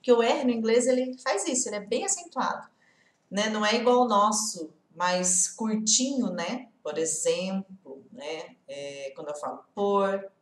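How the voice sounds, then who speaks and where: A young Brazilian woman from the interior of São Paulo state teaches English in a casual online lesson, with a Portuguese accent. Her mid-range voice is unhurried and the sound is roomy; she speaks patiently and often checks in with the viewer.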